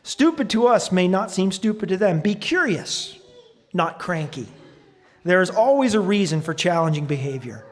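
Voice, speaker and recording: A man preaches in a church, his voice sitting noticeably high for a man. He talks earnestly and reads quoted advice aloud, pausing now and then with fillers as he gathers his thoughts. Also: sing-song. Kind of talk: sermon. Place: church sanctuary.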